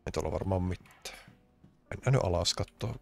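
A man's voice: sits low, creaky, darkish tone, dry recording. A man from Finland doing casual, rambling let's-play commentary, joking and grumbling as he plays. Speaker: streamer.

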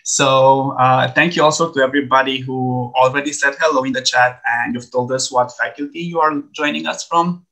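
Bright-voiced man leading a webinar. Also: mid-range voice, moderate pace, few pauses, rough recording. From Romania. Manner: friendly, relaxed presenter with frequent "uh" fillers. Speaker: edtech trainer. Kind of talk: online training webinar. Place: home office, video call.

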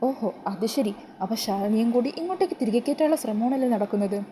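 A sly young schemer voiced by a woman retelling a TV serial, coaxing and wheedling in a slightly high, quick voice. The tone stays soft and mellow rather than bright. Faint room ambience sits behind her. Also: animated, slight background noise, close to an everyday voice. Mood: scheming aside.

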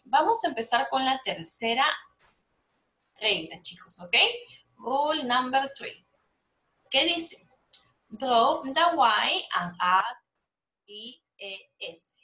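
A young adult woman teaching English to young children, explaining slowly and patiently, repeating herself and checking they follow, lively and encouraging. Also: high-pitched. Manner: slow, patient explaining with lots of repetition and check-ins. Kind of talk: online lesson for young children. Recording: roomy echo.

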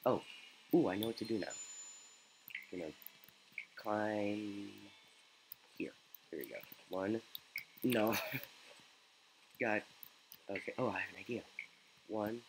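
A man's voice: lowish voice, slow, long pauses, background noise. Goofy man narrating a game playthrough. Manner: goofy, joking asides while playing. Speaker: gaming YouTuber. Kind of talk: let's play commentary.

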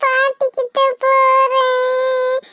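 Woman playing a tiny whiny kid, squeaky high voice, dull dry lo-fi sound. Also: monotone, very slow, sharp tone, dry recording, full character voice. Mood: tearful. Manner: childish, whiny. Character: small tearful girl, clingy. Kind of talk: cartoon voice acting.

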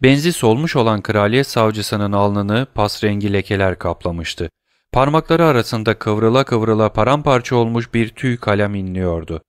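A man reading a classic novel aloud as an audiobook narrator, in steady, low storytelling delivery on a close mic. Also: normal speed, clean tone, no room sound. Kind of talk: scripted literary narration.

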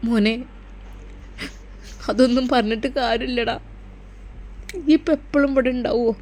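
A woman voicing a frightened elderly mother who speaks softly and pleadingly. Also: a little high, steady tone, moderate pace, a little hiss or hum, natural voice. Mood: worried, tearful. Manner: soft, pleading, tearful.

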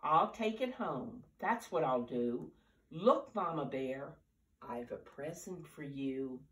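A cheerful storybook bear read out by an older woman, eager and bouncy in his exclamations. The delivery swings up and down at an unhurried pace. It is heard a little way off in a roomy space. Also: low-pitched, animated, slight background noise. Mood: eager, pleased. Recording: roomy, distant camera microphone.

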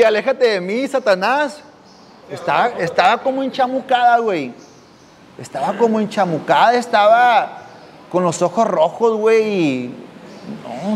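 High-voiced slangy storyteller man. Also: big-room sound, slight background noise. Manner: slangy, drops "güey" constantly, acts out voices. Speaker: podcast host. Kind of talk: casual storytelling monologue.

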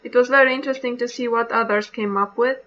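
Young woman, flat reflective voice, dull audio. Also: a little high, fast talker. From Austria. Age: young adult. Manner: reflective, with fillers and restarts. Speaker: course participant. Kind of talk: self-recorded video statement. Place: room at home. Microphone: webcam. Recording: slightly dull webcam audio.

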